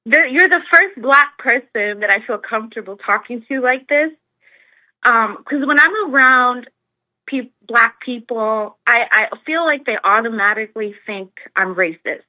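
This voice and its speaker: On a phone-in call to a talk show, a woman from the United States hesitates often, using lots of fillers and starting over. She speaks unhurriedly in a fairly high pitch, and the lo-fi recording has no echo.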